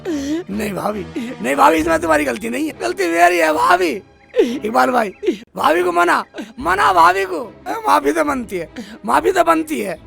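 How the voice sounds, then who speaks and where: A man plays a bumbling fool who sobs and bellows in a very high, gravelly voice. He carries on with theatrical wailing over steady background music, like a low-budget comedy film. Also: normal speed, exaggerated voice. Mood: pleading. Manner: wailing theatrically, shouting, blubbering. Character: bumbling foolish man Sheikh Chilli, loud and weepy. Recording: background music under dialogue.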